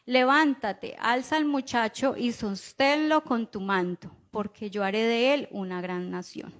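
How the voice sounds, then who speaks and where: A woman with a Colombian accent preaching a sermon in a conversational way, often checking in with the listeners through quick rhetorical questions. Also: on the high side. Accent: Colombian Spanish. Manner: conversational preaching, frequent rhetorical "¿cierto?" tags.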